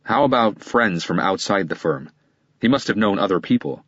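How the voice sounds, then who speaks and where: A man voicing a calm male police detective who asks steady, persistent questions. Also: on the low side, moderate pace, no room sound, dull audio. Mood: probing.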